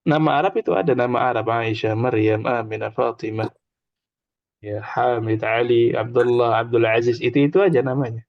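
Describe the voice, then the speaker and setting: A man's voice: mid-range voice, steady tone, moderate pace, vocal fry, no echo. A man teaching an informal Arabic class, chatty, explaining with examples and having students repeat after him. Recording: dull lo-fi dry recording.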